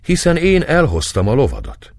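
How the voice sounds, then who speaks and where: A man's voice: medium pitch, huge pitch swings, dry recording, voice pushed up. A man voicing a cheeky young manservant making excuses, in a dry audiobook recording. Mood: sheepish.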